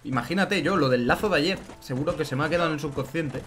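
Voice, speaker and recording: A man giving chatty, excitable let's play commentary and greeting his chat. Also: on the high side, fast talker, a little hiss or hum. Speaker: gaming streamer.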